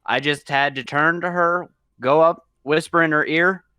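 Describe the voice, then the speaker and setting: A man's voice: a little high, fairly even intonation, moderate pace, sharp tone, smooth, no echo, studio quality. A man co-hosting a casual podcast chat, jokey and prone to long fits of laughter. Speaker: podcast co-host.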